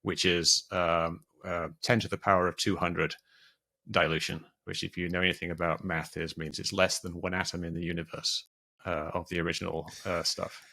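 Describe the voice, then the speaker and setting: A man with a deep voice full of fry explains things in a casual podcast interview. His tone is bright and forceful despite the low pitch. He talks at length, restarting phrases and filling pauses. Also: level tone. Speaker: guest, debunker of conspiracy theories.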